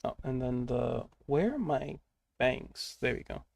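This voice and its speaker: A man's voice: mid-range voice, expressive, unhurried, creaky, a little mellow, no echo, studio quality. A young man streaming while he draws, chatting casually, rambling and swearing, muttering to himself as he works. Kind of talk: casual livestream chat while drawing.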